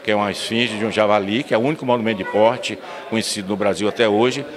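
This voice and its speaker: With a fairly low, fairly even voice, an older man talks fast while a crowd murmurs behind him. He is from São Miguel das Matas, Bahia, Brazil, and earnestly and expansively recounts local history, restarting words, as an interview guest in the indoor municipal council chamber, with the interviewer holding a handheld mic.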